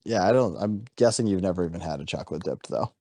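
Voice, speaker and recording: A man's voice: low-pitched, expressive, quick pace, dark tone, no echo. Dry-voiced teasing male podcast host. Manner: teasing, blunt, swears. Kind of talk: casual chat.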